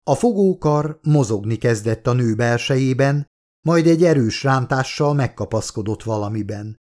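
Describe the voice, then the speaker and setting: Steady male audiobook narrator. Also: mid-range voice. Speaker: author reading his own book.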